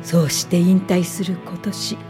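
Over music, an actress portrays a reflective, gentle woman teacher aged eighty, narrating and conversing in a radio play with calm, contemplative measure. Her voice is lowish and level in tone, close to how someone might sound day to day.

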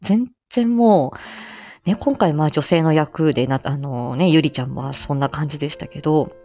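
Speaking at a normal pace in a low, warm voice, this woman hosts a livestream and does amateur voice drama acting. Her talk is casual and reflective, hesitant and self-effacing, with phrases that often trail off. The audio sounds muffled.

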